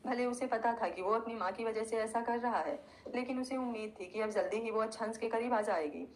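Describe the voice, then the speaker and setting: A woman narrating an audio love story in a smooth, expressive reading. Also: fairly high pitch, a little fast, a little hiss or hum, low-quality recording.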